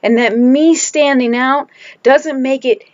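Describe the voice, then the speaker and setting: A woman vlogs candidly to the camera from home in a casual video diary, speaking emphatically while she hunts for words, restarting and trailing off. Her high voice stays steady and slow. The recording is dry, with the highs cut off.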